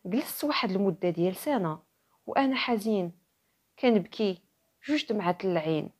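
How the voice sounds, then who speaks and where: A woman's voice: medium pitch, animated, fairly quick, darkish tone, husky. Woman as a sorrowful old sheikh telling his tale. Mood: sorrowful recounting. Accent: Moroccan. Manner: earnest, storytelling.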